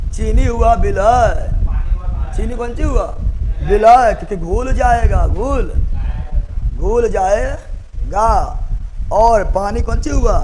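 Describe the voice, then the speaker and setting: A man's voice: sits high, darkish tone, slight background noise. A man teaching a chemistry class, repeating key words and quizzing students in colloquial Hindi with joking asides. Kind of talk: classroom lecture with call-and-response questions. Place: classroom, also streamed online.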